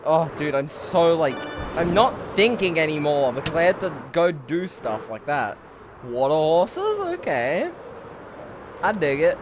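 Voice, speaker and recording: A man's voice: fairly high pitch, big pitch swings, unhurried, over music. A young man giving casual live commentary on his gameplay, rambling and swearing, a bit out of breath. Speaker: streamer.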